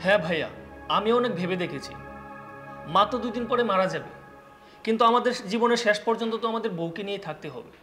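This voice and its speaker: A man's voice: high-pitched, lively intonation, fast, long pauses, bright, forceful tone, faint music behind. An actor playing a younger son who soothes his wife and urges his brother to act. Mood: pleading. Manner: coaxing, reassuring. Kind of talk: village TV drama acting.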